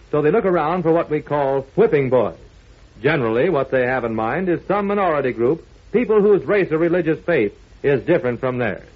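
A man's voice: on the high side, husky. A man giving a folksy, earnest scripted moral talk as a 1940s radio announcer. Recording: thin, phone-like old radio recording.

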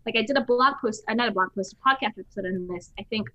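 A woman's voice: fairly high pitch, fast, sharp tone, no room sound. A woman hosting a podcast in casual conversation, talking emphatically and acting out the voices she quotes. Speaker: podcast host. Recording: slightly dull lo-fi sound.

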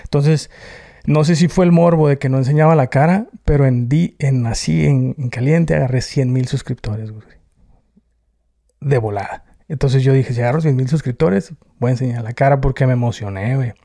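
A man's voice: mid-range voice, moderate pace, gravelly, dark tone. A man from Tijuana with a northern Mexican accent, chatting casually and in colloquial slang as a YouTuber being interviewed. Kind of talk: casual chat.

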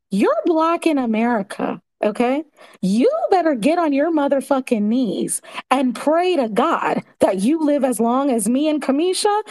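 A woman in her forties with a high, bright-pitched voice talks in a casual live audio chat. She is earnest and methodical, walking through her points one at a time. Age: 40s. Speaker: guest commentator.

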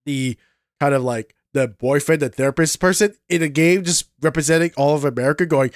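A man with a fairly high voice co-hosting a casual podcast, venting his frustration and swearing as he talks. The sound is dry and close to the mic. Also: a little fast, no room sound. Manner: exasperated, swears, agrees along. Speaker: podcast co-host.

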